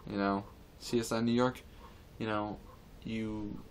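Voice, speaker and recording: A vlogger with a lowish, clean voice and a level tone rants casually into the camera without hurrying. Indignant and earnest, he rambles, goes over the same points, and starts over many times.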